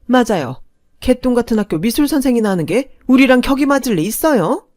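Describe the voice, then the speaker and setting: A woman voicing a snobbish, furious middle-aged mother who scolds her son's girlfriend in a shrill, contemptuous voice. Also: lively intonation, normal speed, darkish tone, no room sound, studio quality, close to an everyday voice. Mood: furious scolding.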